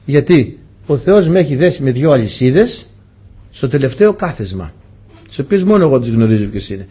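A man's voice: medium pitch, expressive, dark tone, slightly rough. A man preaching a testimony sermon, telling his story earnestly and often turning to address the congregation as dear brothers.

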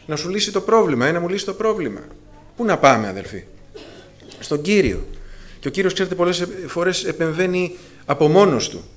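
A man's voice: high-pitched, lively intonation. Fervent man preaching a sermon. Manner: addresses listeners as brothers, rising to fervent emphasis; many filler sounds and restarts. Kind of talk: sermon to a congregation.

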